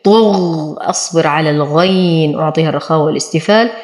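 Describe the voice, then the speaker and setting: A woman teaching Quran recitation rules, explaining each letter step by step and then saying the word slowly. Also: lowish voice, darkish tone. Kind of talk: tajweed lesson. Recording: echoey room.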